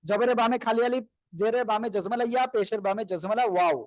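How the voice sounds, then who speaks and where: A man's voice: high-pitched, fast talker, no room sound. A man teaching Quran recitation to an online class, patient, drilling pronunciation and asking everyone to repeat together.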